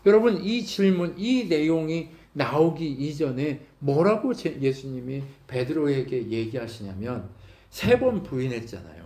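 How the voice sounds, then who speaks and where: A male pastor delivers a sermon in a church, his voice a bit high yet warm and mellow. He keeps turning to the congregation with questions and briefly acts out the voices in the story he tells. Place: church sanctuary.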